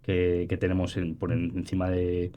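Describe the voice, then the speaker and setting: A man co-hosting a podcast, speaking in halting casual chat with repeated words. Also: deep voice, monotone, dark tone, highs cut off. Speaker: podcast co-host.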